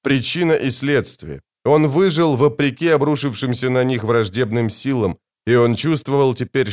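Male audiobook narrator, measured and dramatic. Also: medium pitch. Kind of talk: scripted narration.

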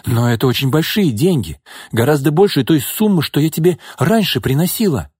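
A frightened but defiant young woman in an audiobook, played by a man raising his voice high, speaking in a tight, trembling, husky tone. She sounds cornered. The recording is close and dry. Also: expressive, brisk, darkish tone, no room sound. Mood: tense. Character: young woman, ex-prostitute turned model, nervous and defiant.

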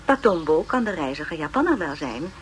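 In a radio play, an actor with a very animated mid-range voice plays a pompous, erudite lecturer narrating an educational film in formal, measured, donnish phrasing. The voice sounds natural, but the audio is poor, with a slight hiss or hum.

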